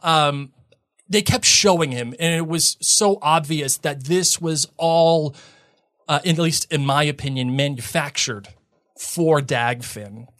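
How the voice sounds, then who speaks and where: A man's voice: fairly high pitch, takes it slowly, a bit bright, dry recording. Opinionated man on a dry mic. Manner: opinionated, emphatic. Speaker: podcast co-host. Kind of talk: casual chat.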